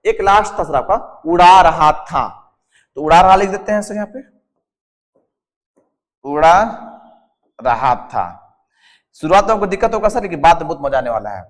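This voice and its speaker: The voice is a man's, fairly high and expressive, moving at a moderate pace with long pauses and echoing as if in a large hall. With a Jharkhand Hindi accent, he leads an exam-prep whiteboard lesson featuring a mnemonic. He drills the class with answers framed as questions, repeats each term repeatedly, and keeps adding a respectful "sir" for the students.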